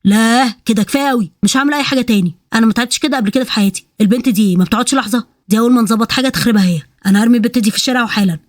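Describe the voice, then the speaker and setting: A woman's voice: a little high, rapid-fire, hardly any pauses, dry recording, studio quality, natural voice. A woman voicing a grumpy, stingy male thief who complains sarcastically in Egyptian Arabic. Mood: fed up.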